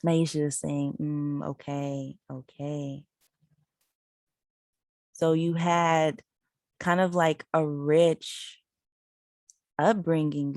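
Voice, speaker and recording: Voicing a signed conversation, a woman interpreter with a low-sitting, darkish voice relays each speaker in the third person, filling gaps often with fillers. The recording is dry and cleanly studio-made.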